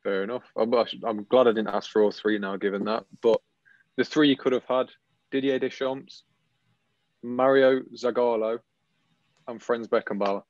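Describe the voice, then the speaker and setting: A British man hosting a football quiz, reading questions briskly with dry teasing. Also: mid-range voice, fairly even intonation, a little mellow, dry recording, muffled recording. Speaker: quizmaster.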